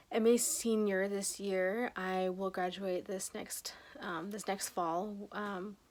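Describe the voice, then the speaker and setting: A young woman in her twenties from Idaho gives a recorded self-introduction for a college class, earnest and halting, with many filler ums, in a room at home. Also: mid-range voice. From Idaho, United States. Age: 20s. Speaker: college student. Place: room at home with pictures on the wall behind her.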